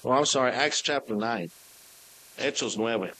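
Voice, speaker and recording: This man's sermon blends English and Spanish, interrupted by pauses as he gropes for words. His voice sits in the mid-range with a sharp tone.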